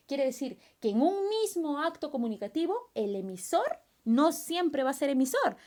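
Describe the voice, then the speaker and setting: A woman teacher leads a recorded class, her voice sitting a little high. She keeps asking her students questions and acts out their replies in an animated way. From Peru. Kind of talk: recorded remote class lesson.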